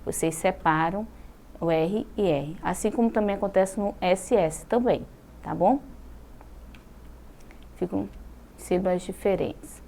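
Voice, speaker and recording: A Brazilian woman teaching a recorded lesson for children, patient and slow on key words, often checking in with the class. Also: medium pitch, warm tone, slight background noise. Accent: Brazilian Portuguese. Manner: patient, drawn-out syllables with frequent "tá?" check-ins.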